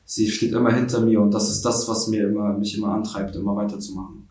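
An eighteen-year-old Ukrainian man who creates social media content answers interview questions casually and hesitantly, with plenty of fillers and restarts. His voice sits fairly low and sounds flat and somewhat dark, moving at a quick pace in a reverberant space.

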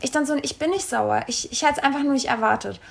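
Young woman, podcast co-host, high-pitched, chatty storyteller. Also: quick pace, creaky. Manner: animated retelling with quoted dialogue, many fillers. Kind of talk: casual chat, storytelling.

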